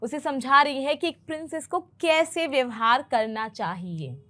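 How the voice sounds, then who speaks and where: Female language teacher, high bright-pitched voice, unhurried delivery, patient and repetitive. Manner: patient, repeats phrases slowly for learners. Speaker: English teacher. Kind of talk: explaining film dialogue in a language lesson.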